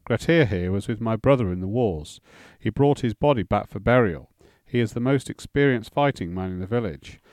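A stern, curt father and village lord, as a man reads him, issuing commands in a low, firm voice. The sound is dry and close, with no room around it. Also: expressive, moderate pace, few pauses, darkish tone, no room sound, lightly acted. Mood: commanding.

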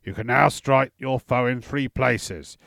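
A man voicing a gruff veteran warrior in his late forties who barks stern instructions at boys. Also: measured pace, a bit bright, dry recording, clean studio sound. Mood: stern instructing. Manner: booming, stern drill instructor.

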